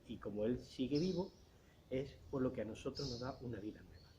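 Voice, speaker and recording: A man's voice: mid-range voice, expressive, a little fast. A man giving a catechism lesson in a conversational way, explaining with everyday examples and frequent rhetorical questions. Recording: dull lo-fi recording with loud background noise.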